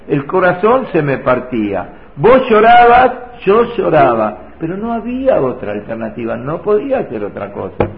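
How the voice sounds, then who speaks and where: A man's voice: a little high, a little hiss or hum. A man voicing a desperate father pleading tearfully with his child, in a sing-song cadence. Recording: echoey, tinny phone-like audio.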